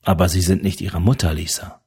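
A man reading an audiobook who voices a weary older journalist, calm and dry in manner. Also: sits low, brisk, slightly rough, heavily acted. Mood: gentle. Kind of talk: audiobook character voice.

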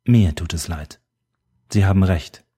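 A man's voice: sits low, measured pace, dark tone, husky. A man reading an audiobook who voices a cheeky, brash young woman with mocking sass. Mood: sad. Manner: mocking, gum-chewing sass. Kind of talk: audiobook character voice.

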